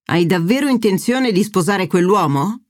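A woman voicing a stern, stubborn older father who speaks bluntly and gruffly. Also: mid-range voice, lively intonation, normal speed, a little mellow, dry recording, studio quality, close to an everyday voice.

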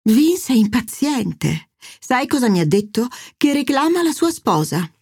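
A dramatic, flighty middle-aged mother, voiced by a woman reading aloud. Her voice rides a little high and swings widely, lilting and self-pitying. The sound is close and dry. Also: very animated, unhurried, darkish tone, breathy edge, dry recording, heavily acted. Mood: theatrical.

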